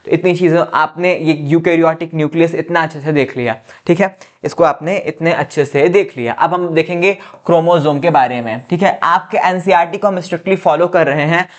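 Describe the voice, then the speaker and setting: In a classroom lecture, a man with a higher-pitched voice teaches biology at a brisk clip with few pauses. He repeats his own questions and answers them, says "ठीक है" often, and calls his students "बच्चा".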